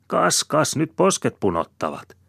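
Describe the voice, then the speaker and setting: A man reading an audiobook, voicing a fiery, quick-tongued peasant wife who scolds in a shrill, rapid-fire tirade. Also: big pitch swings, gravelly, fairly bright tone, slightly rough, dry recording, clean studio sound, heavily acted. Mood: mocking. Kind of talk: audiobook character voice.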